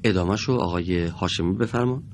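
A man teaching Quran recitation on a broadcast lesson from a studio. He speaks slowly and patiently, modelling each sound for students to repeat. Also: deep voice, darkish tone, a little hiss or hum.

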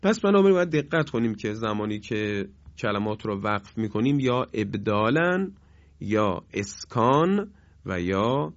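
A man gives a recitation lesson. He explains in a steady, middle-pitched voice and lingers over each example word, drawing it out. The recording is dry and somewhat muffled. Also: dry recording. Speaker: Quran recitation teacher. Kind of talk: recorded lesson on pausing rules in Quran reading.

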